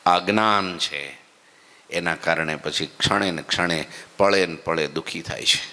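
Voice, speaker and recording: A man preaching a devotional story sermon in a temple hall, swinging between loud exclamations and low asides and checking in with listeners. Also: unhurried.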